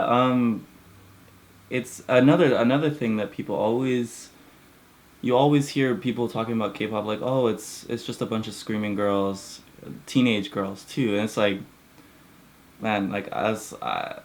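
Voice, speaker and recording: A man, a dancer, chatting casually as he reacts to a video, laughing and restarting often. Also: lowish voice.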